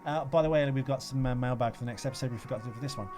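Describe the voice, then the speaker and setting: A man hosts a film podcast with casual, jokey banter and a rambling sign-off. His mid-range voice comes rapid-fire, with music playing behind it.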